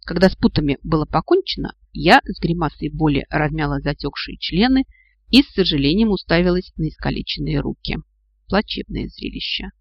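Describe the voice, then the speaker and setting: A man narrating a fantasy storybook in an expressive, lively reading. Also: a little high, fairly quick, creaky, no room sound, muffled recording. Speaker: audiobook reader.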